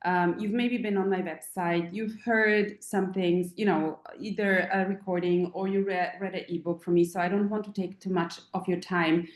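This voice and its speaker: A woman's voice: on the low side, steady tone, normal speed, hardly any pauses. Serbian-born woman on a roomy call. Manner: warm, rambling, many fillers and restarts. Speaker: feng shui teacher hosting a live Q&A. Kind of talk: live online call, casual talk.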